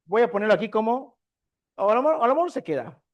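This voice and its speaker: A male preacher with a fairly high voice, speaking. He teaches a discipleship class in sermon style and keeps asking the congregation rhetorical questions, then answers them himself. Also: big pitch swings, fast talker, lo-fi sound.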